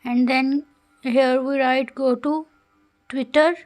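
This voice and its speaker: A woman's voice: sits high, steady tone, slow, darkish tone. A woman narrates a coding tutorial in a careful, instructional way, with phrasing. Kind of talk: scripted screen-recorded tutorial narration.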